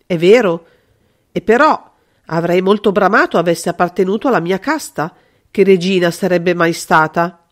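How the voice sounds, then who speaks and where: A woman's voice: fairly low pitch, normal speed, natural voice. A woman voicing an agitated, impatient male king in an audiobook, speaking in urgent, eager questions. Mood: dismayed. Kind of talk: audiobook character reading.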